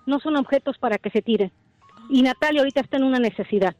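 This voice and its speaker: A woman caller from Dallas speaks firmly on a radio phone-in, with a high voice and faint music behind her. She lectures in an emphatic, steady way. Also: fast, dull audio. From Dallas, Texas.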